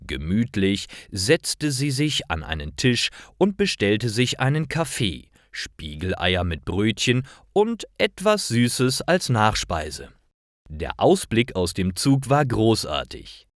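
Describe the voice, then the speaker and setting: Speaking very slowly and deliberately, a man with a fairly low voice narrates easy stories for language learners, his pitch swinging lively as he reads. It's scripted, careful throughout, and recorded in clean studio sound with no room sound.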